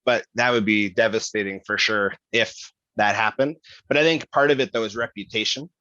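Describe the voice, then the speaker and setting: A man hosting a podcast, reflecting out loud in a casual, halting way with restarts. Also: fairly low pitch, no echo, highs cut off. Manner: thinking aloud, halting with restarts and fillers. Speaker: podcast host.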